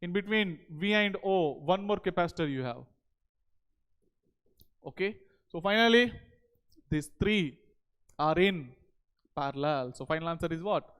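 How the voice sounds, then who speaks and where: A man with an Indian accent teaches a class in a high, smooth voice. He lectures step by step and keeps checking in with short questions. The sound is clean, spoken into a headset mic. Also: animated, measured pace, long pauses, fairly bright tone. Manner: repeated check questions and tag words. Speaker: physics teacher. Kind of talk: board lecture to exam students. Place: indoor teaching studio at a digital board.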